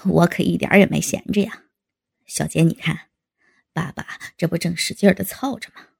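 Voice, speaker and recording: A woman voicing a teasing middle-aged father, speaking in a low, gruff, put-on voice. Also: steady tone, moderate pace, heavily acted. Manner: chuckling, teasing.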